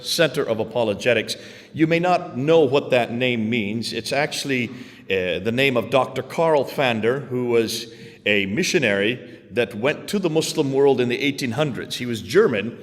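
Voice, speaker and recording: A middle-aged man gives a conversational talk to a church audience, often asking them questions. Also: mid-range voice. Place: large hall with long reverb. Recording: reverberant hall.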